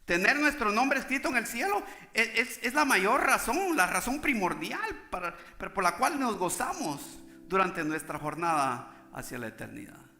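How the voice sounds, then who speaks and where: A man's voice: sits high, sing-song, normal speed, few pauses, pushed and bright, echoey room. A man preaching a sermon as pastor, speaking emphatically and often checking in with the congregation.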